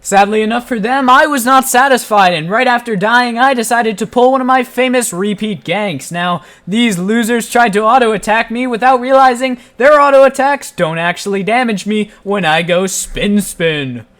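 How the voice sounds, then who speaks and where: A man narrating his own gameplay in a voice-over, playful and self-mocking with deadpan jokes. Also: very high-pitched, normal speed, few pauses. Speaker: gaming channel host. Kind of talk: joking gameplay commentary voice-over.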